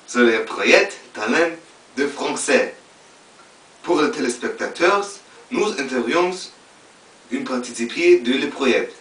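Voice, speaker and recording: A man playing a mock news interviewer who asks questions slowly and stiffly. His voice comes from far off in a large, reverberant hall with a light hiss. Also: medium pitch, lively intonation, a bit bright. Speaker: co-anchor and interviewer in a parody newscast. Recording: echoey hall, far from mic, faint hiss.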